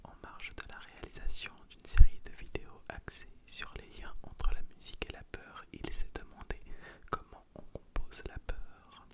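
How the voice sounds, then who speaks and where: Whispering male ASMR host. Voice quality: breathy whisper. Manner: halting, repeating words softly.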